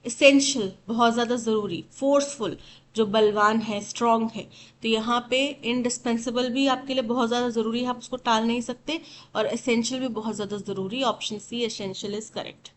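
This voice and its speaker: A woman teaching an English exam-prep lesson, explaining in Hindi and reading English sentences slowly and spelling words out letter by letter. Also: a little high, steady tone, slight background noise, rough recording.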